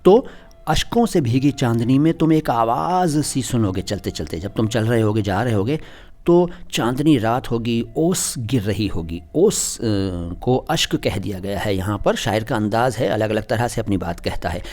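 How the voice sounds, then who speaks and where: A man's voice: medium pitch, animated, normal speed, a little mellow. A man, patiently explaining song lyrics and correcting pronunciation in a language lesson. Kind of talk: explanatory lesson on Hindi and Urdu word pronunciation.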